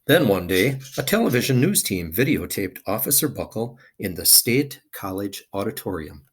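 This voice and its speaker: A man's voice: fairly low pitch, big pitch swings, moderate pace, slightly rough. A man reading a children's picture book aloud expressively, with dramatic emphasis.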